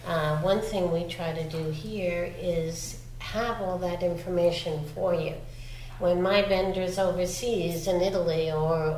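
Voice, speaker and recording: A woman's voice: fairly low pitch, darkish tone, slight background noise. A woman representing a hardware showroom, speaking directly and asking questions in a panel discussion. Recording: echoey room.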